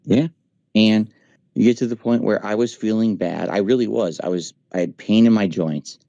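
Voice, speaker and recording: A man's voice: lowish voice, steady tone, normal speed, gravelly, mellow, no room sound, highs cut off. A man in his forties in a casual voice chat, talking emphatically and venting with profanity. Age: 40s. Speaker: streamer. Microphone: voice chat mic.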